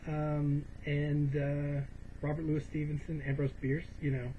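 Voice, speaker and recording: In a dull, lo-fi home recording with noticeable background noise, a man with a fairly high voice presents his collection as a vlogger. He rambles casually and hesitantly, correcting himself often, with a completely flat delivery at a slightly slow pace.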